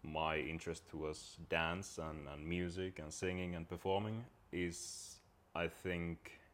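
A man from Finland, a guest talking reflectively and pausing to search for words. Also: sits low, flat delivery, a bit bright. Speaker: podcast guest. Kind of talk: casual conversation.

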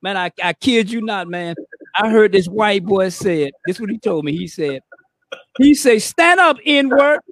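High-voiced man telling stories. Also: normal speed, dry recording. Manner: animated storyteller, repeats words, calls people man. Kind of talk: casual chat.

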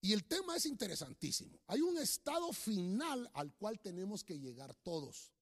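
A male pastor preaching a sermon in a church, with sudden loud emphasis and slow, drawn-out phrases. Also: high voice, sing-song. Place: church, streamed online. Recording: echoey church hall.

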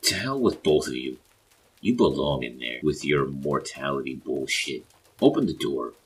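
A man voicing an angry, frantic husband who shouts sternly. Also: rumbling low, big pitch swings, normal speed, husky, heavily acted.

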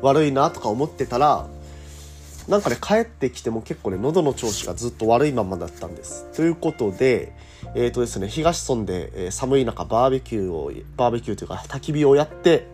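A man with a mid-pitched voice that is hoarse and scratchy from a cold hosts a casual morning show. He talks in a chatty, polite manner, as if to regular listeners. Music plays behind him. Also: expressive, fast talker, darkish tone. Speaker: radio host and cycling tour guide. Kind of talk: casual morning radio monologue.

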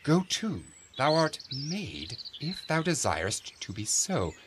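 A man's voice: a little high, sing-song, slow pace, background noise. An actor playing a pompous, self-deluded male steward who reads aloud in a preening, theatrical way. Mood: reading smugly. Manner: preening, savoring each word, theatrical swoops. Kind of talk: amateur reading of a classic stage play.

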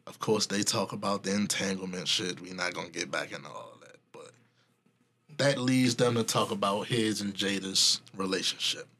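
A man with a husky voice chatting casually in laid-back, slangy frat-bro banter, swearing freely. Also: low voice, normal speed, bright, forceful tone. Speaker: podcast co-host.

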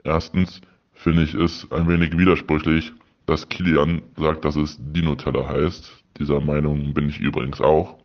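A man in his thirties leaving a deadpan answering machine message as a listener caller, reading out punctuation marks. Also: very deep voice, normal speed. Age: 30s. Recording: dull lo-fi voicemail recording.

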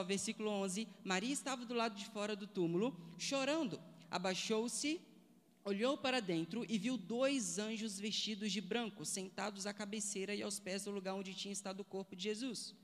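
Preacher in a reverberant church hall. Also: medium pitch. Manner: asks the listeners many rhetorical questions. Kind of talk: sermon.

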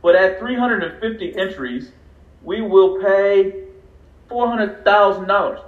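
A man from California, chatty and excitable, talking in a fairly high voice. The sound is roomy and dull, with a lo-fi quality like a live stream captured in an open room. He laughs easily between his remarks. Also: slow pace. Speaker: co-host of a racing livestream. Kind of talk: casual livestream chat.

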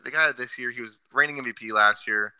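A man's voice: mid-range voice, fast talker, bright, forceful tone, clear, resonant tone, dry recording, rough recording. A man co-hosting a casual sports podcast, laying out his picks with stats and reasons. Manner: analytical, cites stats. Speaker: podcast co-host.

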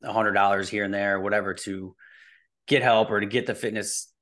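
Here a man in his early forties talks at a moderate pace, his voice on the low side, slightly bright and flat in delivery. He's being interviewed as a fitness and nutrition coach on a podcast, and his informal explanations tend to ramble.

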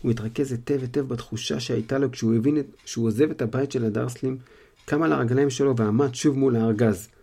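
A man's voice: mid-range voice, fairly even intonation, creaky, mellow, husky. A man retelling a story to listeners in his own words, casually, with small fillers.

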